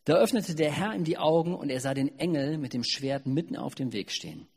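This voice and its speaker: A man preaching at a family service, retelling a Bible story in a lively, chatty way with asides. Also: on the high side, brisk, vocal fry, breathy edge. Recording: long hall reverb.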